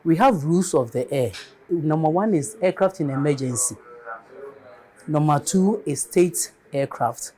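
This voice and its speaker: An air traffic controller with a Ghanaian accent answers interview questions, walking through things step by step in a deliberate, emphatic way. Her voice sits low and sounds animated yet mellow.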